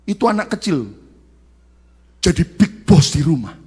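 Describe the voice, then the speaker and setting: Husky animated male pastor preaching. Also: on the high side, measured pace. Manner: animated storytelling, acting out family scenes; emphatic, rising to shouts on key points. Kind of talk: sermon.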